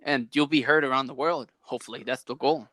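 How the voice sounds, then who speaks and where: Bright-voiced young man hosting a casual chat. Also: medium pitch, fast talker, no echo. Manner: rambling, animated, many "like" fillers. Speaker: podcast host.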